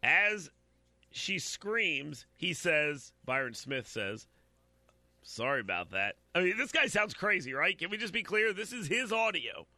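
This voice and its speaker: A man's voice: high voice, big pitch swings, measured pace, pushed and bright, dry recording. A man giving blunt, opinionated commentary while reading out a news story, talking straight to his audience and stumbling over repeated words.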